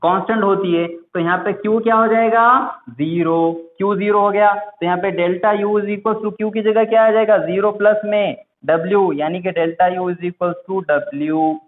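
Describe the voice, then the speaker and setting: A man's voice: high-pitched, steady tone, unhurried, few pauses. A male teacher gives a classroom lecture. He keeps asking the class questions and then answers them himself. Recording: echoey room over a tinny, phone-like line.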